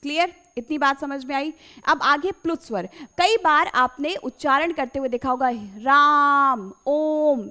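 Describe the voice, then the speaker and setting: A woman's voice: high-pitched, a bit bright. A woman teacher giving an exam-prep grammar lesson, repeating key phrases and quizzing her pupils, whom she fondly calls children.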